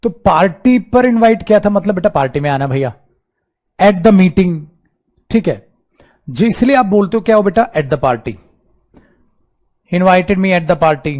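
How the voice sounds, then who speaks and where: A man's voice: high-pitched, measured pace, pauses often. A man with an Indian English accent teaching an online English grammar class, switching between Hindi and English and acting out short student replies and dialogues. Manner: animated, acts out student replies and little dialogues; calls listeners beta and bhaiya, mixes Hindi and English. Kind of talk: online coaching class lecture.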